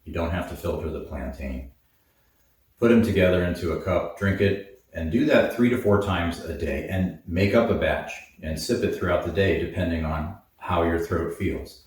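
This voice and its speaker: A man hosting an instructional talk on herbal remedies, speaking slowly and deliberately. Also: deep voice, a little mellow. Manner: slow, deliberate, explanatory. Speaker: herbalist host. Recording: very echoey, from far off the mic.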